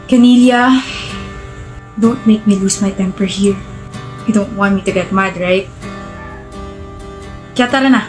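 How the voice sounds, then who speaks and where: A woman's voice: medium pitch, unhurried, pauses often, over music, lightly acted. A woman playing a pushy, arrogant young male student who taunts and bosses his girlfriend around, in a role-play skit. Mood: domineering. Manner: taunting and domineering.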